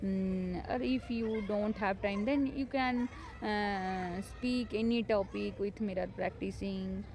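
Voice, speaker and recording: At home, a homemaker who isn't a native English speaker talks unscripted to the camera, offering learning tips in a motivational way. She sounds hesitant yet encouraging, with many fillers and restarts. Her voice is medium-pitched, steady, slow, and darkish.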